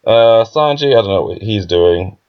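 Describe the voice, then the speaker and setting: A man's voice: fairly low pitch, animated, moderate pace, smooth. A young man casually reviewing a comic chapter, rambling with frequent fillers and laughs. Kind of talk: casual commentary. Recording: dull lo-fi recording.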